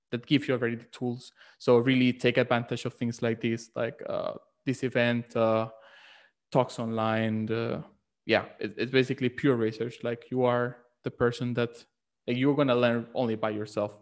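A man giving a hesitant panel talk as a game programmer, speaking over a video call full of fillers. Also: mid-range voice.

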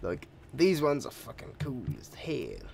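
A man's voice: medium pitch, a little slow, vocal fry, a little hiss or hum. Swearing young-sounding man narrating his gameplay. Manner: chatty, swears a lot, sudden excited yelps. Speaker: gaming video creator. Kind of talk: let's play commentary. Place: home room.

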